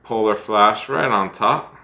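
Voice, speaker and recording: An American man in middle age sits at a desk in a small room at home, guiding viewers step by step through tying a fly. He's chatty and self-deprecating, thinking aloud as he works, his fairly low voice slow, creaky, bright and forceful.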